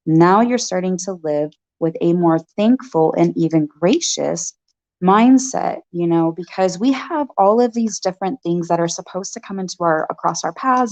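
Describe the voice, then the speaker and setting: A woman's voice: fairly low pitch, darkish tone. Chatty woman vlogging to her viewers. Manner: chatty, with frequent "y'all" and "right?" asides. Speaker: farm owner and dog breeder vlogger. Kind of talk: casual vlog talk to viewers.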